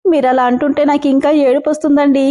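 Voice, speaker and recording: A frightened young bride pleads through tears in a high, mellow voice, apologizing again and again, as a woman narrator puts her on. She sounds small and shaky, like a storybook girl facing someone she dreads. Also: level tone, a little fast, close to an everyday voice. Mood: tearful. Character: timid tearful young bride.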